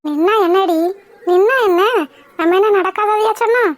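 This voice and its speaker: A woman voicing a scornful, nagging middle-aged village gossip in a cartoon, with a shrill delivery. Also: moderate pace, no room sound. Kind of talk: cartoon voice acting.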